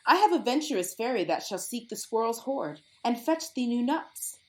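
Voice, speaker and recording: A woman's voice: fairly high pitch, lively intonation, normal speed, lightly acted, low-quality recording. A woman as Titania, lilting, doting fairy queen. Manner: tender, lyrical, cooing. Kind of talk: Shakespearean verse audio drama.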